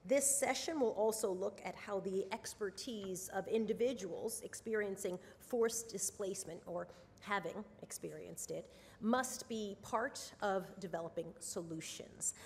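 A woman hosting a conference, briskly introducing a panel from a podium on stage. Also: mid-range voice, darkish tone, slight background noise. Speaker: event host. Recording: long hall reverb.

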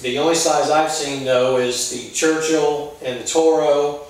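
A man's voice: a little high, fairly even intonation, a little slow. A man reviewing a cigar in a casual, rambling way, talking with a cigar in his mouth. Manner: rambling, chatty, self-correcting. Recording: very echoey room, mic far off.

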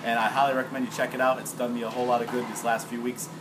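A man in his thirties hosts a casual, upbeat interview in a bright indoor room with a glass wall, his medium-pitched, level voice racing along. He's chatty and gestures as he talks. A camera across the room picks him up, and the audio carries loud background noise.

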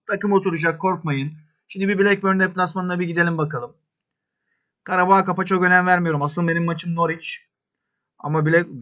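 Man, game commentary, excitable, fairly high voice, sharp bright tone, mutters then shouts cheers. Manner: shouts English cheers at his players; talks to himself, swinging from mutters to yells. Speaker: host playing a football management game.

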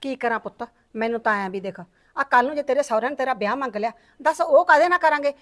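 A middle-aged woman playing a nagging village mother and wife who scolds her husband and frets over her daughter's wedding. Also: fairly bright tone. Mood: worried. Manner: scolding, rapid and shrill.

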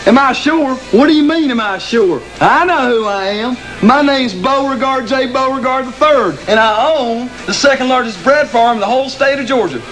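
Young man doing a pompous Southern gent, high drawling voice, sitcom stage with music under. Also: normal speed, hardly any pauses, a bit bright, low-quality recording. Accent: Southern US, put on. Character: boastful Southern gentleman, bread farm owner. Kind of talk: 1970s TV sketch comedy.

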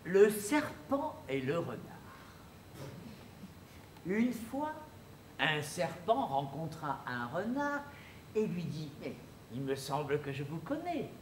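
An actor playing a pompous husband in a stage play, telling a fable with slow, theatrical delivery and sudden shrieked outbursts. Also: sing-song. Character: husband Mr Smith, pompous, proud of his wife. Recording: echoey theatre, faint rumble.

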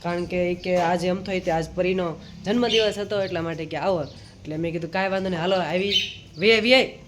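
A man's voice: sits high, a little fast, noisy background. A man with a Kathiawadi Gujarati accent, chatting casually through a family vlog, filming on a handheld phone. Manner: chatty, teasing a small child. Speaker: vlogger.

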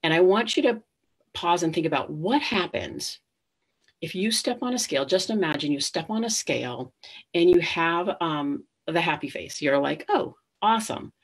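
A woman's voice: lowish voice, animated, normal speed, husky. A middle-aged woman hosting a live webinar, speaking conversationally and addressing listeners directly. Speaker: webinar host.

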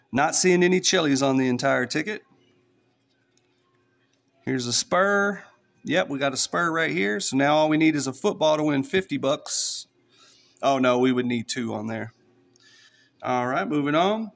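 Man, East Texas accent, slightly raised pitch, chatty play-by-play vlogger talking to followers. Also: gravelly, a bit bright. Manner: chatty, talks straight to followers. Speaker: streamer scratching lottery tickets. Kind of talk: casual play-by-play vlog.

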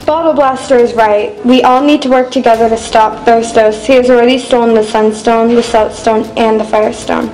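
A woman's voice: a little high, fairly even intonation, moderate pace, few pauses, a little mellow, natural voice, rough recording. A woman playing a commanding superhero team leader in a cartoon, speaking in an earnest, declarative way. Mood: resolute. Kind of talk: scripted animated superhero acting. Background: faint music.

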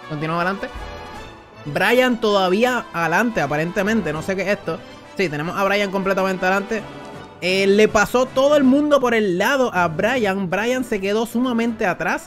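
High-voiced streamer calling races. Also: male voice. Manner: excitable, rapid play-by-play calling. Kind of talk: live game commentary to chat.

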